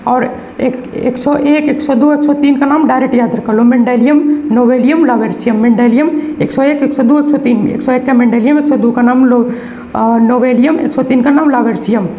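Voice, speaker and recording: High-voiced woman chanting mnemonics. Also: moderate pace, mellow. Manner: sing-song mnemonic chanting, repetitive counting aloud. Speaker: chemistry teacher. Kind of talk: exam-prep lesson. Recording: echoey room with faint hum.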